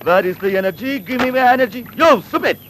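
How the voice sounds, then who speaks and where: An impatient, scolding director. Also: male voice, extremely high pitch, animated, extremely slow, a bit bright, slight background noise, heavily acted. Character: irritable male ad-shoot director.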